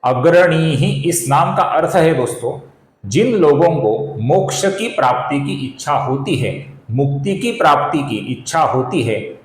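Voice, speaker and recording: A man teaching the correct pronunciation of chanted verses, explaining step by step and chanting the lines slowly. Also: on the high side, lively intonation, reverberant. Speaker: Sanskrit recitation teacher. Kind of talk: slow spoken tutorial with chanted verses.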